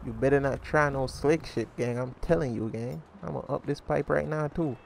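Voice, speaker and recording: Here a YouTuber playing a crime role-play series chats in a relaxed, slang-filled way, calling his audience gang. He speaks at a moderate pace in a mid-range voice with vocal fry, with slight background noise.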